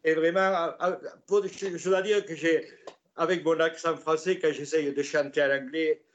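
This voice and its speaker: Older Gascon-accented man, slightly high voice. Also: fairly even intonation, moderate pace, muffled recording, slight background noise. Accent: Gascon French. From Gascony, France. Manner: rambling, many hesitations and restarts. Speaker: interviewee. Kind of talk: casual storytelling interview.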